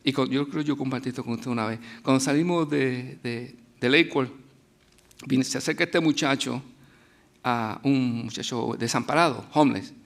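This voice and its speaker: Gravelly-voiced male guest preacher. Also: mid-range voice, normal speed. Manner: conversational storytelling, with restarts and asides. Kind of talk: sermon.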